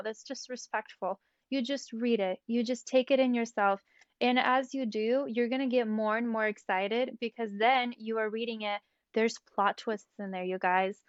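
A woman chatting casually about faith as a podcast guest, animated and rambling with many fillers. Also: fairly high pitch, no echo, lo-fi sound.

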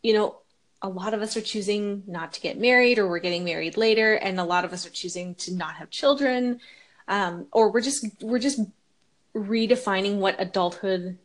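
A woman's voice: medium pitch, normal speed. A woman in her thirties hosting a podcast, explaining her views earnestly in casual chat. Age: 30s. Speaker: podcast host.

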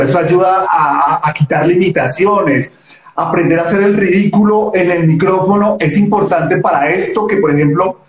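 A man's voice: high-pitched, roomy sound, rough recording. A man hosting an interview as a producer, enthusiastic and rambling, often repeating his words. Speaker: host, producer. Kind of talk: casual interview talk.

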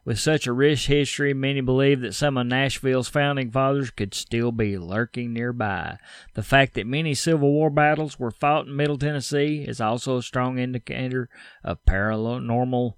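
A man's voice: mid-range voice, fairly even intonation, moderate pace, clear, resonant tone, dry recording. Guy hosting a podcast, loose jokey chat, dry close mic. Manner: loose, joking, self-deprecating, laughs often. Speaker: podcast host. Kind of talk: casual chat.

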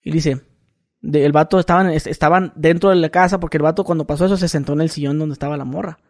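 A Mexican man in his thirties tells a long story on a casual podcast. His voice sits high and he talks quickly. He stumbles over and repeats words as he goes. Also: steady tone. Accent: Mexican Spanish. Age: 30s. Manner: rambling, repeats words, acts out quoted voices. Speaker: podcast co-host.

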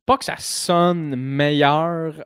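A man's voice: a little high, slow, clean tone, no echo, clean studio sound. Joking Québécois man hosting a podcast. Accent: Québécois French. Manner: joking, animated, swears freely. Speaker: podcast host. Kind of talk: casual podcast monologue. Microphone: close podcast mic.

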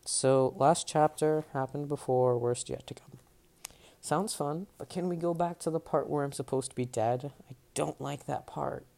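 A man's voice: fairly high pitch, moderate pace, gravelly, mellow. A man reading aloud, voicing a young male demigod hero who is confused and defiant, in a raised, pushy tone. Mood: baffled.

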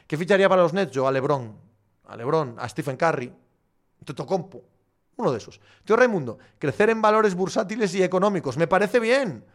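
A man with a fairly high-pitched voice hosts a relaxed chat, reading viewer messages aloud. His replies are blunt and sardonic. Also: brisk. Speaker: host answering viewer questions. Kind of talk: casual chat.

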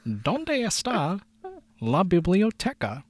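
Man putting on an eager high-voiced Kermit the Frog. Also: sing-song, slow, full character voice. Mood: cheerful, eager. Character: eager Muppet frog giving language lessons.

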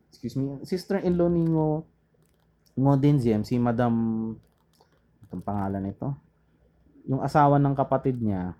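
Mellow-voiced man chatting history. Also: mid-range voice, unhurried, pauses often. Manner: rambling, searches for names, mixes English into Tagalog. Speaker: podcast co-host. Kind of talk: casual history chat.

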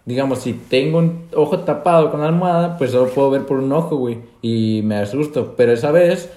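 A man's voice: medium pitch, brisk, mellow, echoey room. A young man with a Mexican Spanish accent, animatedly telling a scary story in casual chat, laughing often.

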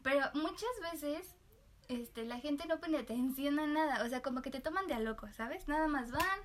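A woman with a Mexican accent telling a lively anecdote in casual chat, laughing often and using slang. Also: sits high, normal speed. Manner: animated storyteller, laughs often, uses slang. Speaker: podcast co-host.

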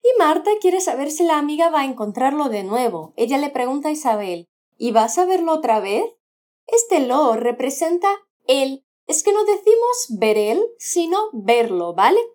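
Lively high-voiced woman teaching Spanish. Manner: patient, slow model pronunciations for repeating. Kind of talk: podcast language lesson.

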